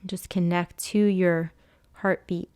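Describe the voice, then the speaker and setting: The speaker, a yoga and meditation teacher, walks through a body scan meditation in a smooth, lowish, very mellow voice with fairly even intonation. Gentle instructions come in a hushed, soothing way, spaced by long pauses. The audio is dry and has no room echo.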